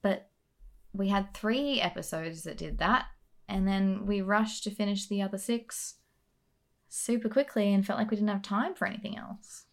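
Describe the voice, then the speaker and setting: A woman with an Australian accent, co-hosting a casual podcast chat, wry and quick with laughs and asides. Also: medium pitch, gravelly. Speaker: podcast co-host.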